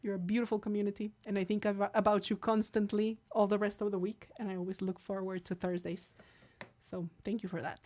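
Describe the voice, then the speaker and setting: A woman's voice: mid-range voice, level tone, a little fast, a little mellow. A woman hosting a live stream, chatting casually, reading out viewer comments, thanking people by name and laughing often. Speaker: livestream host and singer.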